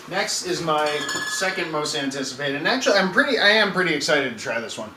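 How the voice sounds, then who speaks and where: A man streaming a casual taste test, chatting in a relaxed way and thinking aloud with frequent fillers. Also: fairly high pitch, quick pace. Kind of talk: casual live-stream chat. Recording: roomy with faint background noise.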